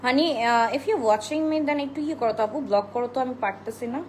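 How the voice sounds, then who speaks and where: A woman's voice: a little high, a little fast. A woman hosting a live-stream dress sale, chatty, greeting viewers by name and mixing in English phrases, speaking into a phone. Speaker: online boutique seller hosting a live sale. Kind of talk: live-stream sales pitch. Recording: roomy echo with steady background noise.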